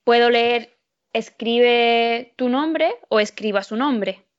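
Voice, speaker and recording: Female student answering lesson prompts, high-pitched, muffled and slightly distant. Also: slow. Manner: reads example phrases aloud.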